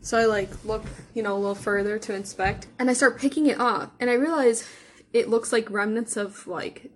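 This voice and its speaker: A woman's voice: fairly high pitch, normal speed, a little hiss or hum. A young woman co-hosting a podcast, telling a story in playful, chatty casual talk. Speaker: podcast co-host. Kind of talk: casual chat.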